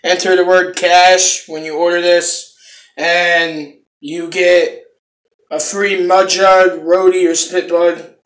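Filmed close on a phone camera in a small room at home, a young adult man reviews a product for his viewers in a laid-back style, cursing often. His high, fairly bright voice barely moves in pitch and goes at a slow pace. The room is echoey and the audio is poor.

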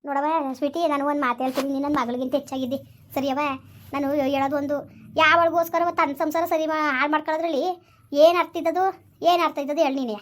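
A woman's voice: sits high, steady tone, fast, close to an everyday voice. A woman playing a middle-aged village aunty, lecturing with rhetorical questions. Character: scheming older village aunty, scolding mother-in-law type. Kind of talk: village skit acting.

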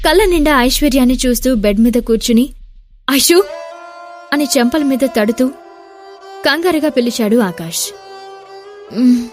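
A woman with a Telugu accent narrating an audio drama, reading every part herself and raising her voice for shouted lines. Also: on the high side.

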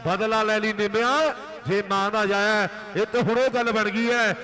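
A male kabaddi commentator with an Indian Punjab accent calls a village match in a frantic manner. He speaks at an extremely high pitch with a sharp, forceful edge, exhorting and repeating his calls. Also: steady tone, normal speed. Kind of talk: frantic rural sports commentary. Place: live commentary at a village kabaddi tournament ground.

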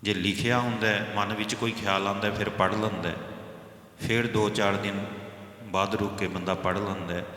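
A man with a low but bright, forceful voice teaches scripture, chanting each line slowly before breaking it down for his listeners. His words carry a long echo, as in a large hall. He sounds patient and instructive throughout. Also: level tone. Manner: slow, drawn-out recitation of verses between explanations; patient, instructive, addresses listeners as brothers and sisters.

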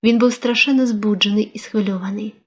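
A woman with a husky, mid-range voice narrates a classic novel as an audiobook. Her storytelling is measured, and her intonation stays fairly even.

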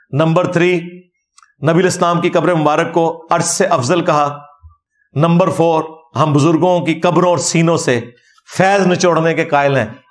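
A middle-aged man giving an argumentative religious lecture, rebutting critics point by point with emphasis. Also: fairly high pitch.

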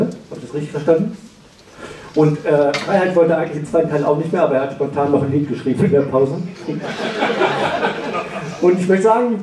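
A man reads his own darkly comic prose at a live event, with dry, sarcastic timing and sudden shrill rants. His voice sits a bit high and is picked up from a distance in an echoing library hall. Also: warm tone. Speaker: author reading his own texts. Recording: roomy hall, voice far from the mic.

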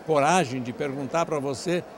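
A man's voice: on the high side, normal speed. A man, speaking as an event organizer in a handheld-mic interview, effusive and grateful, talking in long flowing runs. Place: large covered event hall, crowded charity dinner. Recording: noisy event hall.

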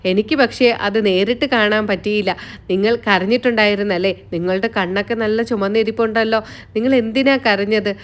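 A woman's voice: mid-range voice, fairly even intonation, normal speed, natural voice. A woman voicing a teasing, loving young wife. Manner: playful teasing.

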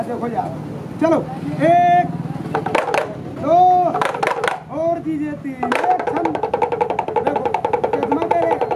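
A man from India working as a street monkey showman, bantering loudly with a crowd and teasing and scolding as he jokes. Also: extremely high pitch. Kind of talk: street performance patter to a crowd. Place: outdoor street show. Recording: noisy outdoor street recording with traffic. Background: crowd ambience and passing vehicles.

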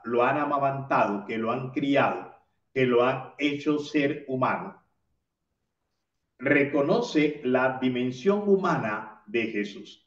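A man, a priest, reading the day's gospel and preaching a homily in a slow, measured way. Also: mid-range voice. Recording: roomy, distant, dull lo-fi sound.

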